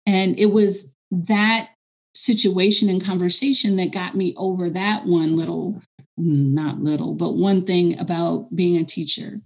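A woman's voice: lowish voice, steady tone, measured pace, gravelly. A woman teacher speaking earnestly and encouragingly in a reflective, conversational way, with fillers and restarts.

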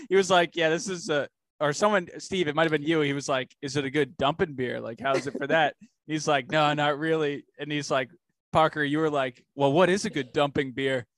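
A man's voice: on the high side, a bit bright, no room sound. Laughing young man with dry sound. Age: 20s. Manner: laughing, swearing, retelling stories. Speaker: podcast co-host. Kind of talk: casual chat.

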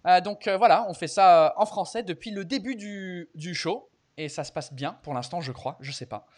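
A man's voice: high-pitched, moderate pace, slight background noise. Swearing bilingual comedian host, man. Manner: mixes French and English, swears freely. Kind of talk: casual bilingual live chat.

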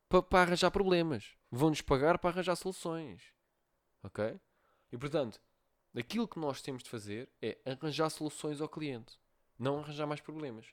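Portuguese man hosting a solo podcast. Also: a little high. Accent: European Portuguese. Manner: repetitive, checks in with listeners often. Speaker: podcast host. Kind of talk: solo podcast advice talk.

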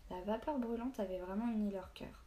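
Calm woman reading a novel aloud. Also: medium pitch, a little fast. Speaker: story reader.

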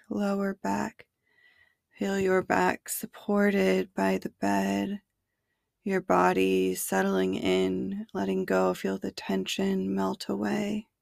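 A woman guides listeners toward sleep in a hushed, soothing bedtime narration. Her delivery is even and drawn out at a very slow pace, sometimes close to a whisper. The sound is dry and close, with little room around it. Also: medium pitch, vocal fry, no echo. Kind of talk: sleep meditation narration, slow body scan.

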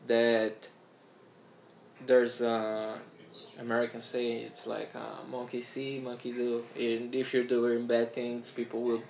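Gravelly host in a roomy echo. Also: male voice, medium pitch, slow, slight background noise. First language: Portuguese. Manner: relaxed, with many fillers and restarts. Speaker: interview host. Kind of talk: casual interview chat.

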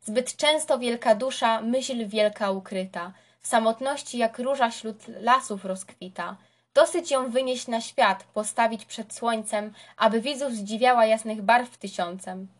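Woman reading as a young romantic count, eager questions, storybook poem, fairly high voice. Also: measured pace, close to an everyday voice. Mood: musing.

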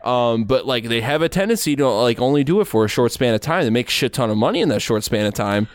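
A man co-hosting a video game podcast, talking in a relaxed, rambling way with many restarts. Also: mid-range voice, fast, clear, resonant tone. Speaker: podcast co-host. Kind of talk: casual podcast chat.

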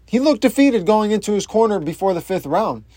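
A man's voice: high voice, lively intonation, fairly quick, warm tone, no room sound. A man giving a casual, blunt and profane breakdown of a fight, full of slang and restarts. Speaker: MMA commentator.

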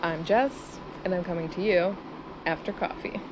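A woman in her thirties hosting a casual solo podcast, chatty and giggling nervously, recorded in low-quality audio in a small studio on a busy street. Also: normal speed. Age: 30s. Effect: low-quality audio with street noise. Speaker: podcast host. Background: traffic and air-conditioner hum.

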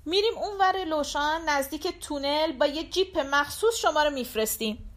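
A shifty bus conductor in an audiobook story, voiced by a woman narrator, smoothly brushing off questions. He speaks in a fairly high, calm voice. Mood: evasive.

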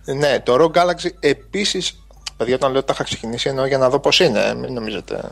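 A man's voice: mid-range voice, creaky. A man co-hosting a casual podcast about video games, joking and self-deprecating in colloquial speech. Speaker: gaming podcast co-host.

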